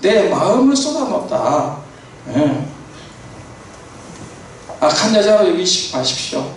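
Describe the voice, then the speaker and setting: A man's voice: high-pitched, gravelly, a little hiss or hum. A man preaching a sermon as pastor in a church, in a conversational way with many fillers and affirmations. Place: church sanctuary. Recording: echoey church hall from far off.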